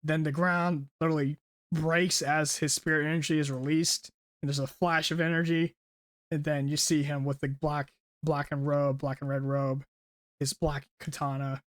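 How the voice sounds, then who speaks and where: Podcast host, male, eager and rambling, slightly high voice, dry close recording. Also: normal speed, no room sound. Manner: excited, rambling retelling with restarts. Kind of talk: casual storytelling recap.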